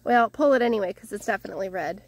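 Walking through her vegetable garden outdoors, a woman from Northwest Illinois who vlogs about home gardening talks at a rapid-fire clip in a medium-pitched voice. She's slightly breathless, cheerful and thankful, chatting casually with many restarts.

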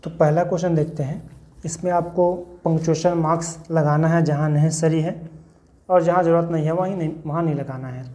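A man's voice: a little high, warm tone. An Indian man teaching an online grammar lesson, explaining patiently with lots of examples. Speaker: English teacher. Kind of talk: classroom-style video lesson.

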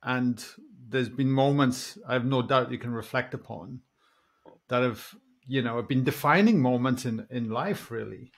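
A man in his forties from Wales, with a Welsh accent, hosts a podcast via video call from a small room using earphones. He's friendly and rambling, saying "mate" frequently, with a medium-pitched voice at normal speed.

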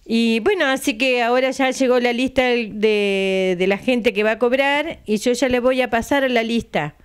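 Older Argentine woman, clear and high. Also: normal speed. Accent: Argentine Spanish. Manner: chatty, repeats dates and tags lines with a questioning aside. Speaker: president of a retirees' center. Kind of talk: local TV interview. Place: living room at home. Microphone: handheld mic held by interviewer.

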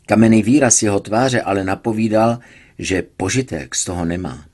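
A man reading a serialized novel aloud in a measured storytelling manner. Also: fairly low pitch, darkish tone. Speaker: audiobook reader.

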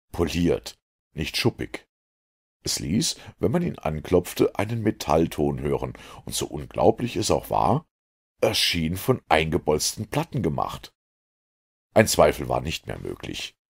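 Deep, husky male storyteller. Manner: expressive, dramatic pacing. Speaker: audiobook narrator. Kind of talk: dramatic audiobook narration.

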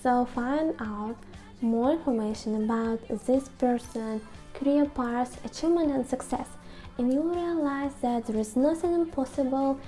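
A woman in her twenties hosts a YouTube video, offering scripted advice to camera in non-native English phrasing with a high, warm voice at a slightly slow pace. She's in a small quiet room at home, and faint music sits behind the rough recording.

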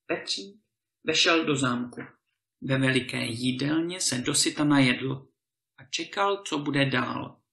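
A man narrating a fairy tale with animated expression. His voice is bright and gravelly, and it carries a roomy echo. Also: mid-range voice. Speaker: storyteller.

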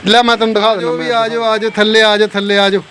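A man's voice: high-pitched, level tone, quick pace, very noisy. A man with a Punjabi accent filming a casual family vlog, playfully calling out to his kids and pets. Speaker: family vlogger, father.

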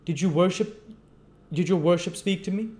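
A man's voice: high-pitched, extremely slow, mellow, pitched above the performer's own voice. A man voicing a pompous, solemn male parish beadle, from an audiobook reading. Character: pompous male workhouse beadle, self-important.

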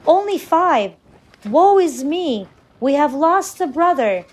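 A woman's voice: a little high, expressive, slow pace. A woman voicing foolish fisherman brothers who lament and fret as they count themselves in a storybook. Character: worried foolish fisherman brothers, adult men.

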